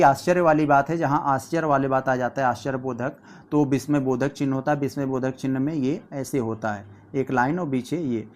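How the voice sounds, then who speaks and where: Male tutor, slightly high voice, patient step-by-step exam explainer. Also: a little mellow. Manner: explains step by step, reads questions aloud slowly. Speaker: teacher. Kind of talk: exam practice lesson.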